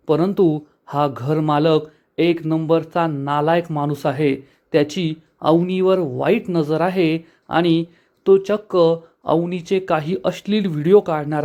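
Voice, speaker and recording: A man with a fairly high voice recaps a TV drama episode for his viewers. He tells the story in a lively, dramatic way and calls his audience his friends. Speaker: TV serial recap host.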